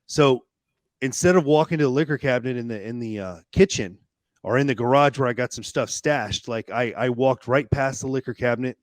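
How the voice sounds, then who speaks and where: A middle-aged man, a podcast guest, telling a personal story candidly and haltingly, with restarts and laughs. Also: mid-range voice, dry recording, studio quality.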